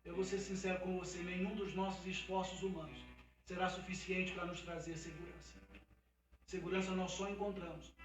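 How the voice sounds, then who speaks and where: A man's voice: sits high, reverberant, far from the mic, poor audio. A man with a Brazilian Portuguese accent preaching an emphatic sermon as a pastor at a livestreamed church service. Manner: emphatic preaching that builds to a fervent, loud climax.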